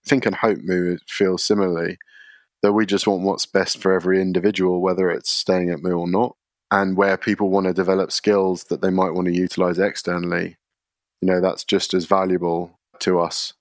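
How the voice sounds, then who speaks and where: A man, a podcast guest explaining his workplace practices in a measured way, often using fillers. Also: sits low, flat delivery, dry recording, studio quality. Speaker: guest, contact centre leader. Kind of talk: podcast interview answers.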